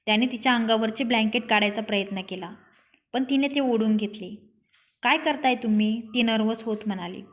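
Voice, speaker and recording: A woman's voice: on the high side, fairly quick. A young woman narrating her own written love story, reading every character's lines herself.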